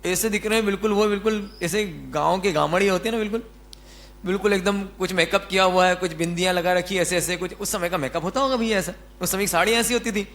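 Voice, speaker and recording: A man's voice: sits high, quick pace, a bit bright. A man giving a Jain religious discourse, talking conversationally, asking his listeners questions and answering them himself. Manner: conversational, acts out everyday quotes. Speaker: spiritual teacher.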